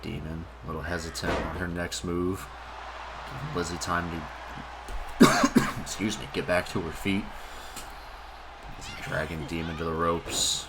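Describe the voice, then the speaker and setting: Deep-voiced male wrestling commentator, very noisy. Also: fairly even intonation, measured pace, long pauses. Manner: calls moves in short clipped phrases. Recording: very noisy recording.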